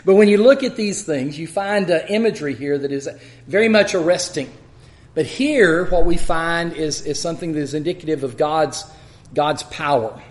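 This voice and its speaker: West Texas Bible teacher, higher-pitched man. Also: normal speed. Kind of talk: expository Bible teaching with scripture reading.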